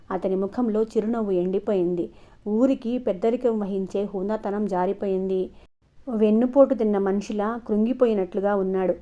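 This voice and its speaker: A woman storyteller reading a novel aloud in a steady, expressive storybook style. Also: medium pitch. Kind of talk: scripted narration of an audio novel. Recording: dull lo-fi recording.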